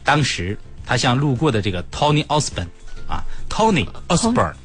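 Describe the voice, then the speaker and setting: A man's voice: medium pitch, wildly swooping pitch, normal speed, a bit bright, breathy edge, soft background music. A man, co-hosting a comic crosstalk chat, full of puns and bursts of song. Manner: joking, punning, breaks into song. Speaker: co-host.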